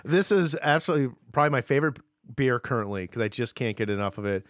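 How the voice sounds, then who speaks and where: A man's voice: mid-range voice, expressive, fast, dry recording, clean studio sound. A man from the US Pacific Northwest co-hosting a podcast in easygoing, rambling casual chat. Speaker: podcast co-host.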